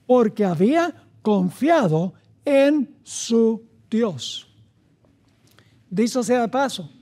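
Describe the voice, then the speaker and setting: A man's voice: extremely high pitch, dark tone. A male pastor preaching a sermon, reading Bible verses aloud and stopping to comment and ask the listeners questions. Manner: reads scripture aloud and pauses to comment, asks the audience questions.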